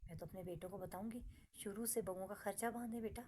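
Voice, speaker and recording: A woman's voice: mid-range voice, quick pace, dark tone, a little hiss or hum. A middle-aged woman with a Pakistani Urdu accent, talking casually and earnestly to her viewers and giving them repeated advice. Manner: earnest, advising, repetitive. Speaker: vlogger. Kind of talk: casual personal talk to viewers.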